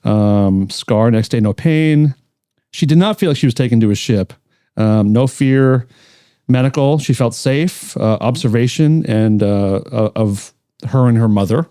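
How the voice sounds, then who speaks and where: Mellow-voiced male podcast host. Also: medium pitch, a little slow, clear, resonant tone, no room sound, clean studio sound. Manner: relaxed, hesitant, lots of fillers. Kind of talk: casual interview talk.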